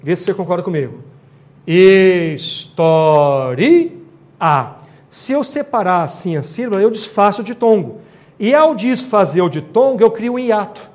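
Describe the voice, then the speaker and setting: Male teacher, high-pitched, patient explainer for an exam-prep class. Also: lively intonation, fairly quick. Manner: explanatory, checks in with tag questions. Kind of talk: exam-prep grammar lecture.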